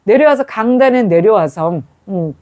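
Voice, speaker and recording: Lively, mellow-voiced woman preacher. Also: mid-range voice, normal speed. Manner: hesitant, many fillers and restarts, storytelling. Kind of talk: sermon.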